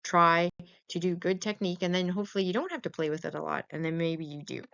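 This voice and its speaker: A woman lectures on veterinary radiography in a relaxed, conversational style, frequently checking in with her students through quick questions. Her voice sits fairly low and moves at a quick pace, with a creaky yet smooth quality and a fairly bright tone. The voice-over recording sounds dull and lo-fi.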